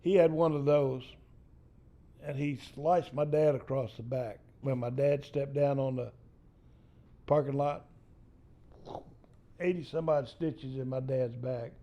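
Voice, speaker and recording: A man's voice: mid-range voice, steady tone, slow pace, pauses often, mellow, highs cut off. An older man from East Texas with a Texan accent, telling a profane family story in casual storytelling style. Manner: salty, profane yarn-spinning.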